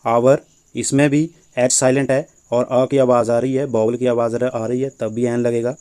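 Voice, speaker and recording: Patient male teacher, mellow voice. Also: mid-range voice, little pitch movement, moderate pace, clean tone. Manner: patient, repeats points and asks rhetorical questions. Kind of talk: explaining English grammar lesson.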